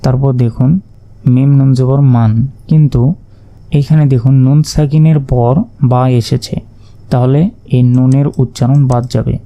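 Very dark-voiced man teaching Quran reading. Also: mid-range voice, fairly even intonation. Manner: slow, spelling out letters and vowel marks one by one. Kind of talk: step-by-step recitation lesson.

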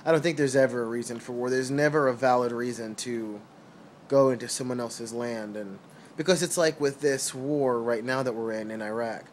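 Young man, from New York City, earnest, hesitant, mid-pitched, casual home vlog, phone held close, faint background hiss. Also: normal speed. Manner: earnest, hesitant with many ums and restarts. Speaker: vlogger. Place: indoors lying on a couch at home. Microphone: phone camera held close.

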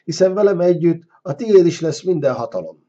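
A man voicing a scheming, flattering deposed king who wheedles and bargains, on a dull lo-fi recording. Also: on the high side, pitched above the performer's own voice. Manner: wheedling, sly.

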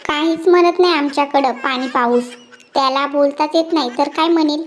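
A voice actor doing a sarcastic squeaky cartoon housewife. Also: female voice, steady tone, a little fast, slight background noise. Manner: mocking, sarcastic retorts. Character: cheeky sarcastic village housewife. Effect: high pitch-shifted cartoon voice.

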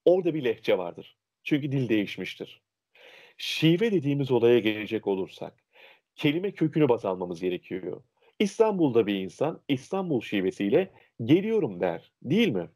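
A young adult man who teaches diction explains dialects and speech in an interview, using lively examples to illustrate. His voice is medium in pitch and his pace moderate.

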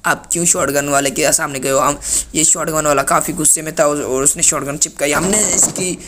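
A young Pakistani gaming channel host, hoarse from a cold, gives chatty and playfully indignant commentary over his own gameplay. His voice is fairly high and fairly quick with fairly even intonation, and the background is noisy.

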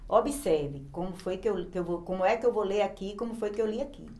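A primary school teacher with a Brazilian Portuguese accent gives young children a remote lesson in a mid-range, brisk, mellow voice. She explains patiently and sounds out words syllable by syllable.

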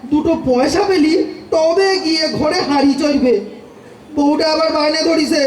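A performer voicing a fretful, henpecked poor woodcutter in a radio play, talking in a rustic way and lamenting often. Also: sits high. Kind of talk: amateur radio play acting. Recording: echoey room with faint noise.

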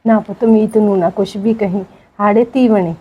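A woman acting as a meek elderly village mother in a homemade family drama, speaking softly in a pleading, resigned way. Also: mid-range voice, fairly even intonation, normal speed, husky, dull audio, natural voice. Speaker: neglected old mother in a family skit.

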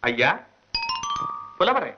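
A man's voice: mid-range voice, very animated, extremely slow, over loud music. A man playing a stern, proud elder court poet in a 1960s Tamil film, speaking in formal, lofty, scolding lines. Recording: dull old film soundtrack.

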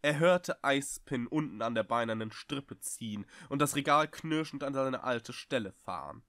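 Male storyteller, expressive, dry close mic. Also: mid-range voice, moderate pace, dry recording. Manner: expressive, vivid. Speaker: audiobook reader. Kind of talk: dramatic storybook reading.

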